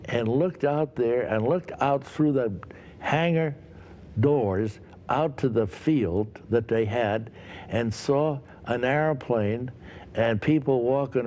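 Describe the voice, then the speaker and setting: An older man being interviewed tells animated stories from a film set. He acts out the shouting with energy, at a medium pitch.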